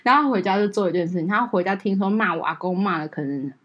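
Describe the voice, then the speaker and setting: A woman telling a childhood story in a casual podcast chat, animated and laughing. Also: medium pitch, fast, muffled recording. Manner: animated storytelling, laughing while quoting curses. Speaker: podcast co-host.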